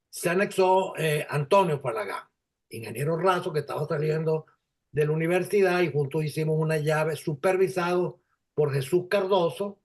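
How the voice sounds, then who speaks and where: A man in his seventies with a Venezuelan Spanish accent, a guest in an interview, speaking in a halting, reflective way with many restarts. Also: on the high side. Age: 70s. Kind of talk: conversational interview.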